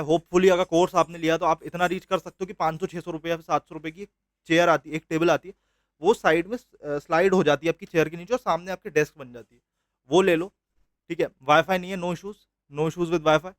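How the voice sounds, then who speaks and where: A man's voice: fairly high pitch, no echo, clean studio sound. A young man teaching a trading course in a casual, encouraging way, mixing English phrases into his speech. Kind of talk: casual motivational lesson.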